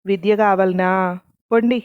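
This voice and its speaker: A woman's voice: medium pitch, steady tone, moderate pace, clear, resonant tone, dry recording, dull audio, lightly acted. A woman voicing a blunt, rustic middle-aged mother in a storybook reading. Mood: brusque.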